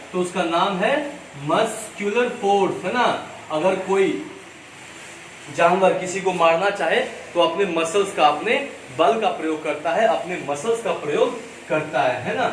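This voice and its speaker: A man with an Indian accent teaching a school lesson, explaining slowly and repeating key points. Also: high voice, fairly bright tone. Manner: slow, repetitive explaining, switching between Hindi and English. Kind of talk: classroom lesson. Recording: echoey room, mic far off, faint ambient noise.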